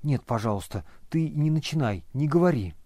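A man reading a novel aloud and voicing a weary, gentle, listless grown man who talks softly and pleadingly. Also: fairly high pitch, lively intonation, brisk, dry recording, studio quality. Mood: wistful, subdued.

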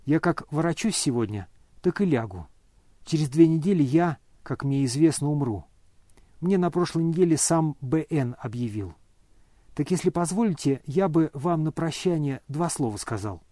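A man doing a hoarse dying young man. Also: on the high side, dry recording, natural voice. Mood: weary. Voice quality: hoarse, quiet, nearly whispered. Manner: calm, polite, measured. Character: dying young man, calm, wry and weary.

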